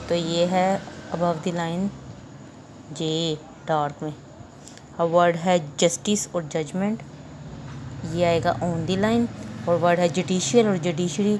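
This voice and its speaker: A woman gives a classroom lecture on shorthand, her voice sitting a little low. She walks through each rule patiently and repeats the key points. A faint hum of room noise sits behind her. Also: darkish tone. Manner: explains step by step, repeats key rules. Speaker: shorthand teacher.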